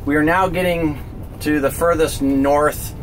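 A man's voice: on the high side, fairly even intonation, a little slow, poor audio. A man in his forties hosting a casual travel vlog with a dry, joking, teasing manner. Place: mostly inside moving car and motorhome, sometimes outdoors. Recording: loud vehicle and outdoor noise.

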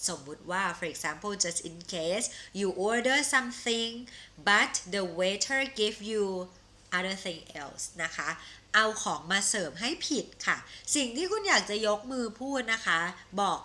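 A Thai woman with a bright, clear voice runs a live-streamed English lesson. She speaks with a Thai accent and sounds out each English phrase slowly and deliberately, as if for learners to repeat. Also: mid-range voice. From Thailand. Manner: slow, carefully modelled English phrases between quick Thai explanations. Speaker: English teacher.

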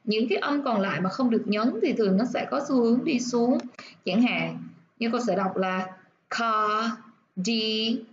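A woman teaching nursing English, explaining step by step and repeating words slowly to show where the stress falls. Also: a little high, highs cut off, slight background noise.

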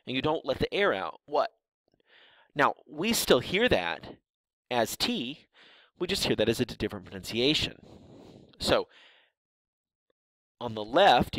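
Lively-voiced man lecturing. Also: medium pitch, dry recording, low-quality recording. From American South. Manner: explanatory, drawn-out example words. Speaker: linguistics lecturer.

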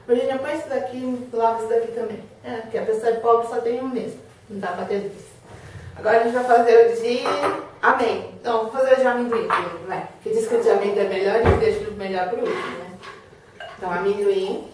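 A woman hosting a cooking demonstration, chatting with viewers and giving her helper quick asides. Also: a little high, fairly even intonation, a little mellow, slight background noise. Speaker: cooking show host. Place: kitchen. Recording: echoey room, mic far off.

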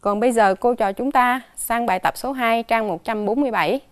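A woman teaching children a dictation lesson, slowly and carefully spelling out each sound and tone mark, with a Southern Vietnamese accent. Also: on the high side, no echo. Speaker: primary school teacher.

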